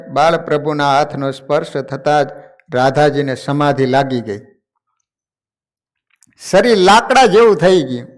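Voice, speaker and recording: Man telling a devotional story. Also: fairly high pitch. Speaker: religious storyteller.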